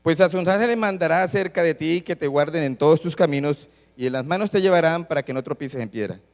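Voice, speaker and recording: High-voiced man preaching in a reverberant church. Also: fast. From Colombia. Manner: teaching, asks the congregation questions, reads scripture aloud. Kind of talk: sermon. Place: church hall. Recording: long church-hall reverb.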